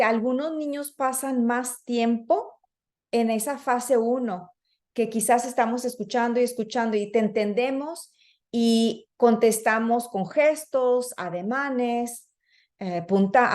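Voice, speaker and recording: A woman's slightly high voice with a darkish tone carries this professional development talk for teachers. As an early childhood educator and trainer, she speaks conversationally, using fillers and acting out children and teachers.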